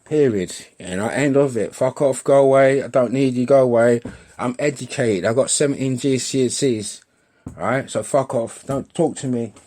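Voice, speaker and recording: A man's voice: mid-range voice, moderate pace, a little mellow. A man in his fifties with a British accent, ranting his opinions bluntly in a casual vlog, swearing freely and repeating himself. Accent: British English. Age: 50s. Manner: blunt, repetitive, swears a lot, says mate. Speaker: vlogger.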